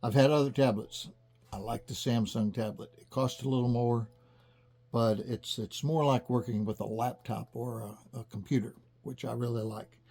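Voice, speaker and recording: A man teaching how to use a music practice app, explaining in a relaxed, chatty way with small restarts. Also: medium pitch, normal speed, husky. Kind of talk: casual tutorial demonstration. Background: faint banjo music playing from the app.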